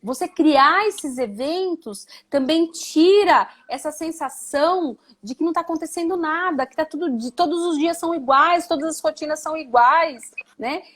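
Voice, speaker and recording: A woman with a high voice speaks in a relaxed, reflective way on a live stream. She keeps checking in with her listener, often tagging her sentences with a soft question. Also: moderate pace, hardly any pauses. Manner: reflective, frequent "né?" tags.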